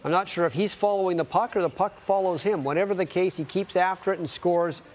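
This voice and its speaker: A man anchors a sports newscast in a fairly high male voice. He narrates highlights conversationally and slips in wry, offhand remarks. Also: quick pace, a little mellow.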